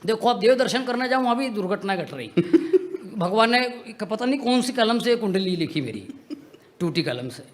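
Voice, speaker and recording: This young man's voice sits high and sounds animated, moving at a moderate pace. Performing comic poetry on an outdoor tent stage at a poetry event, he uses the mic to rib the crowd in a joking, playful way.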